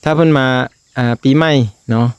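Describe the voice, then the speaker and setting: A man with a Lao accent chatting casually to his viewers, with lots of drawn-out fillers. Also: mid-range voice, darkish tone, smooth, no room sound, dull audio. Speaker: vlogger.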